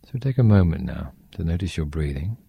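A man talks listeners toward sleep in a slow, gentle, soothing voice. His tone is very deep and mellow, with a husky grain. The recording is dry and close. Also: lively intonation, dry recording. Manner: slow, soothing, soft-spoken. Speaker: sleep meditation guide. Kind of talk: guided sleep meditation.

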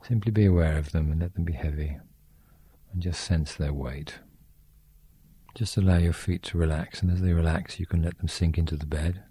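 Very deep, husky male sleep guide. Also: steady tone. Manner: slow, soothing, soft-spoken.

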